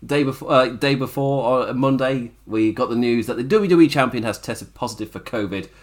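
On his laid-back wrestling review podcast, this host rambles, chuckling often and correcting himself as he goes. His voice is strained and raspy, mid-range in pitch, and brisk.

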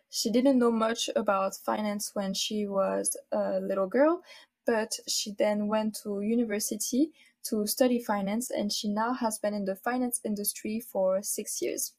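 A woman hosting a podcast interview, friendly, often repeating words and pausing on fillers. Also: mid-range voice, darkish tone. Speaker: podcast host.

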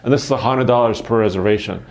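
A man's voice: fairly low pitch, fast talker, a little mellow. A man co-hosting a podcast, speaking conversationally with many fillers. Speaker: podcast co-host. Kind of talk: casual chat.

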